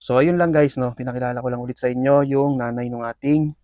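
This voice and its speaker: A man's voice: medium pitch, fast talker, no room sound. Guy hyping up his scorpions, chatty, lots of fillers, dull dry mic. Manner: excited play-by-play with frequent fillers, addressing viewers. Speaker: pet scorpion keeper and video host. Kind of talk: casual commentary while feeding pets.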